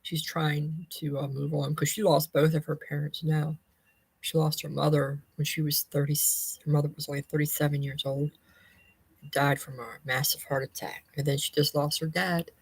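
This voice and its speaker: A personal vlogger in her fifties, with a deep, slightly rough voice and flat delivery at a normal pace, chats casually to viewers with a life update. She rambles in folksy wording, often repeating or correcting herself. The recording is rough, with no echo.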